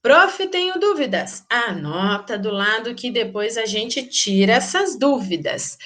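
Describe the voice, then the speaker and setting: A woman teacher with a Brazilian Portuguese accent, giving a grammar lesson in a lively, sing-song teacherly way. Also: high voice.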